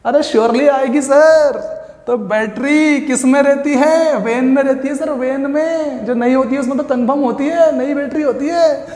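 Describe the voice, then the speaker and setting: A man teaching an exam coaching class, playful and drawn-out, repeating key words slowly as memory tricks. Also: extremely high pitch, a little mellow. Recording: echoey long-reverb room.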